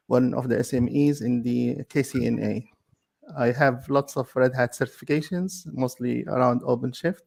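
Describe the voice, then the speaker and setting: Gravelly man from Libya, halting. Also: mid-range voice, darkish tone. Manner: halting, many fillers. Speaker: guest expert. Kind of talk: casual online panel chat.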